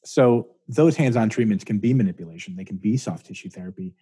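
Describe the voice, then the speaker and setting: A man's voice: fairly low pitch, brisk, dark tone, husky, no room sound. A man, a chiropractor guest on an interview podcast, explaining ideas at length in a thoughtful, hedging way. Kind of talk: casual interview talk.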